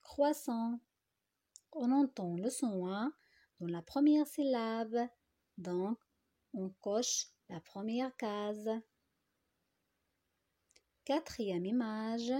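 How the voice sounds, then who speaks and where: Female teacher, slightly high, mellow tone, extremely slow and deliberate; drills words syllable by syllable for young pupils. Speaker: primary school teacher. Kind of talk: slow phonics lesson for young children.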